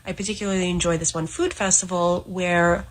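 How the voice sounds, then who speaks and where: A woman from Canada, a former financial advisor, telling a story in steady detail. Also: lowish voice, a little fast, poor audio. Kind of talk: storytelling clip.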